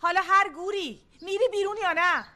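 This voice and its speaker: A woman's voice: on the high side, lively intonation, a bit bright. A stern, curt mother. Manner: curt, firm, formally polite. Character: stern, proper middle-aged mother. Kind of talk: TV drama acting.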